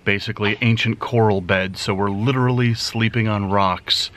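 A man's voice: fairly low pitch, fairly even intonation, normal speed, fairly bright tone. A tired man in his forties, talking casually to a close-held camera outdoors at camp, enthusiastic and rambling as he thinks aloud. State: tired and worn out. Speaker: vlogger and filmmaker. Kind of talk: casual vlog narration. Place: outdoors under a thatched shelter at camp. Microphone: camera held close at arm's length.

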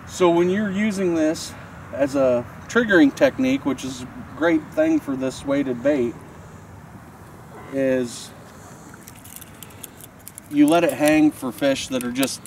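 A fishing instructor in his thirties gives a casual, practical lesson on a boat and a snowy riverbank, explaining as he handles his gear. His voice is medium-pitched and darkish, picked up by a camera mic a few feet away with faint outdoor noise.

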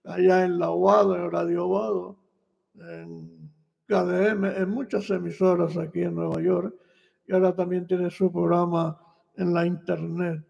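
A middle-aged man with a Puerto Rican accent, hosting a home internet radio show in a slow, rambling way with pauses and restarts, speaking into a studio mic in a small room. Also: high voice, flat delivery, gravelly, a little mellow, long reverb tail, highs cut off. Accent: Puerto Rican Spanish. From Puerto Rico. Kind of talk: casual on-air chat with shout-outs. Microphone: large studio mic on boom arm.

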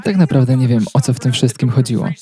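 A man reading a translated sermon as a voice-over, telling it as a steady story. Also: mid-range voice, fast talker, soft background music.

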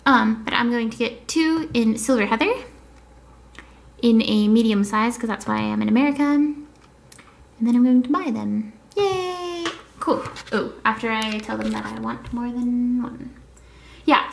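A woman in her twenties talks casually to her camera in an echoey small room. Her voice sits a little high with plenty of creak, and she rambles from one thought to the next over faint noise. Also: normal speed. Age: 20s. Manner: rambling, easily distracted. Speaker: vlogger. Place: small indoor apartment room. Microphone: camera at arm's length.

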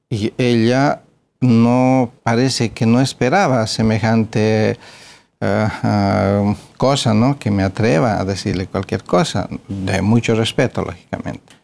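A middle-aged man with a low-pitched voice and a noticeable gravelly fry. He is a surgeon telling an anecdote from his early career in an interview. He pauses on filler sounds and acts out the dialogue as he goes. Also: a little mellow. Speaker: plastic surgeon, interview guest.

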